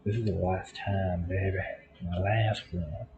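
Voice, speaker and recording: A man's voice: deep voice, fairly even intonation, measured pace, dull audio, slight background noise. A man reading out a tough-talking man's dialogue in an attempted New York accent, pleading and theatrical. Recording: loud music in the background.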